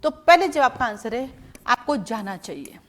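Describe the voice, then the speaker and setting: High-voiced woman law exam coach. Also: sing-song, moderate pace, fairly bright tone. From India. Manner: addresses students as "beta", direct advising tone. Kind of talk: exam strategy lesson to students.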